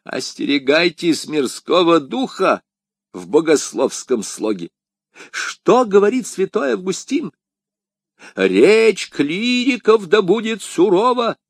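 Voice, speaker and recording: Reader plays a stern Jesuit, sermonizing, scornful, pitched up high. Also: male voice, sing-song, slow pace, breathy edge, no room sound, studio quality, full character voice. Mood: lecturing. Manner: preachy, scolding, raised voice.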